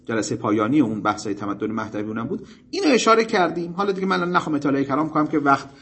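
A husky man with a fairly high voice lectures like a seminary teacher. His pitch rises and falls widely as he tells stories, and he keeps slipping in formal, courteous asides to the audience. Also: expressive, a bit bright. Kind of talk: religious lecture with storytelling.

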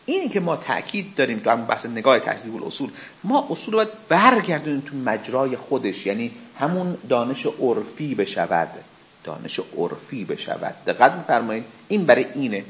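A man's voice: mid-range voice, big pitch swings, a bit bright, muffled recording. A man teaching a religious seminary lesson, who acts out questions and answers with imagined speakers and asks his listeners rhetorical questions. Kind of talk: spoken lecture.

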